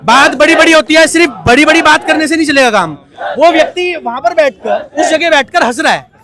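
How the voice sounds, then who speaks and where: A man reporting live from an outdoor street protest and interviewing protesters, talking with growing indignation that turns loud and impassioned. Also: extremely high pitch, a little fast. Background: faint protest crowd.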